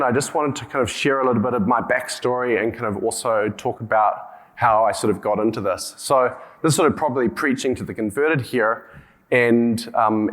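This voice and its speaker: Male conference speaker, broad Kiwi accent, mid-pitched, informal and halting, with repeated words and restarts. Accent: broad New Zealand (Kiwi). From New Zealand. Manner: hesitant, often repeating words and circling back with hedges. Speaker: conference speaker, company co-founder and CEO.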